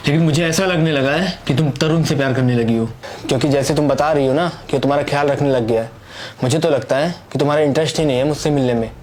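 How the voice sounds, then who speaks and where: Man as jealous lover, hot-tempered, argumentative, somewhat high voice. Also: quick pace, a little mellow, slight background noise, lightly acted. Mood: irritated. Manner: irritated, argumentative. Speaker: actor. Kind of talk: Hindi web skit acting.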